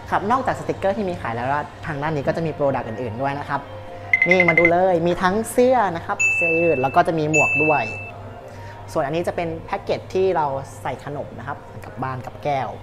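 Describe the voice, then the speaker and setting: A man's voice: a little high, animated, quick pace, music in the background. A young man hosting a casual cafe tour vlog, talking in an upbeat, polite tour-guide way on a clip-on mic indoors. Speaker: host. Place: indoor cafe in an old shophouse. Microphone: clip-on lapel mic.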